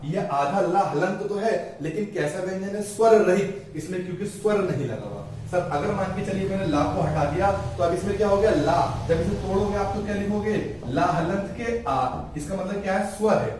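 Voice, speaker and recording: Male grammar teacher, high-ish voice, asks and answers his own questions, recorded far off in a very echoey room. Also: darkish tone, a little hiss or hum. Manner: asks the class questions and answers them himself. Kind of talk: classroom-style lesson.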